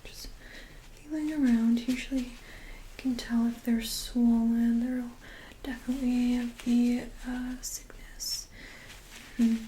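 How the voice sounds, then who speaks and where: Gentle, calm woman in soft ASMR role-play. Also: fairly high pitch, takes it slowly, a little hiss or hum, poor audio. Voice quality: soft, breathy, often soft-spoken. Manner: gentle, calm, reassuring nurse-like bedside manner. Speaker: ASMR performer playing a medical examiner.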